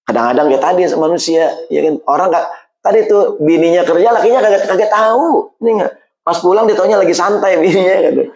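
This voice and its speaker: A man preaching a casual sermon in a mosque. He talks in lively slang and jumps high in pitch when he quotes other people. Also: a little fast, rough recording.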